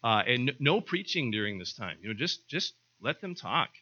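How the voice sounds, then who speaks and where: A man's voice: mid-range voice, very animated, moderate pace, bright, forceful tone. A middle-aged male pastor giving a conversational sermon, often repeating words and acting out short exchanges. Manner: conversational, repeats words, acts out little dialogues. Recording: slightly dull lo-fi sound.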